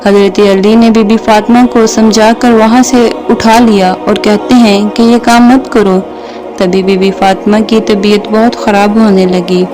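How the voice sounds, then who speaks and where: A woman's voice: medium pitch, fairly even intonation, hardly any pauses. A woman narrating a religious story in a heartfelt way, turning to speak to listeners directly. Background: faint background music.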